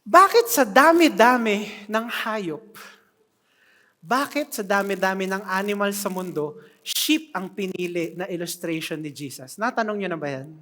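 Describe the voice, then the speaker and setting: An animated preacher delivering a sermon in a church hall, voice set in the middle range. The talk keeps drawing laughs from the congregation, and a long hall reverb trails each phrase. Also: medium pitch, unhurried.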